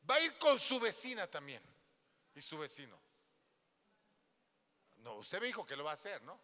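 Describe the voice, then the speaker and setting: A man's voice: sits high, very animated, moderate pace, sharp tone. A man pastor preaching a sermon in a church, throwing questions at the congregation and acting out little scenes. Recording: long hall reverb.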